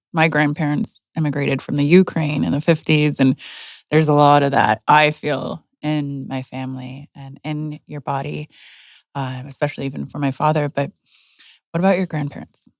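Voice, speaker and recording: A woman's voice: low voice, little pitch movement, moderate pace, no room sound, clean studio sound. A woman hosting a podcast, talking in an upbeat, chatty way as she opens the show and asks her guest questions. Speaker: podcast host. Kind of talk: casual podcast interview.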